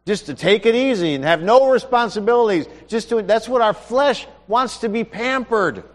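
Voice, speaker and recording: In a long-reverb hall, a high-voiced preacher delivers his sermon conversationally, expressive and at a moderate pace. He speaks to listeners like a neighbor, asking one rhetorical question after another.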